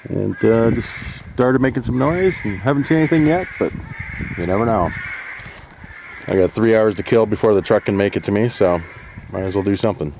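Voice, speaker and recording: A man filming himself as a wildlife photographer, talking in a relaxed, rambling way with dry humor while outdoors by a roadside. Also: medium pitch, vocal fry. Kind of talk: casual vlog narration. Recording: outdoor noise in background.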